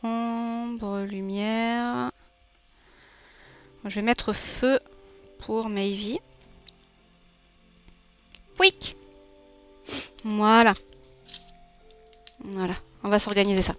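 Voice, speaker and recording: A woman's voice: mid-range voice, steady tone, slow, long pauses, faint music behind. A young woman with a southern French accent from Nîmes, chatting casually with her viewers while drawing on a live stream, laughing often. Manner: chatty, warm, laughs often, reads chat aloud. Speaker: streamer and illustrator.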